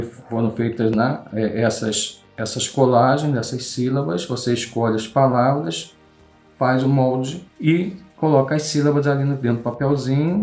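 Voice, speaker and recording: A man's voice: medium pitch, darkish tone. A man with a Brazilian accent explaining a classroom craft game step by step, patiently checking in with his listeners after almost every phrase. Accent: Brazilian Portuguese. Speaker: craft tutorial host. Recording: roomy echo, faint background music.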